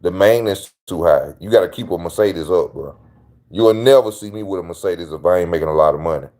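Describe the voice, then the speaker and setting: This is a man with a lowish voice talking straight to his channel's viewers. His commentary is casual and slangy. He drives his points home by repeating them. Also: fast, a little mellow. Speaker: channel host.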